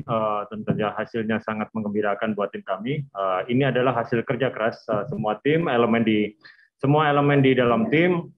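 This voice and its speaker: A man coaching a football team speaks at a press conference table microphone, talking quickly in short bursts. He stops often on filler sounds and repeats his own phrases. The sound is thin and phone-like. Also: mid-range voice. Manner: halting, many filler "eh" pauses and repeated phrases. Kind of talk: post-match press conference answers.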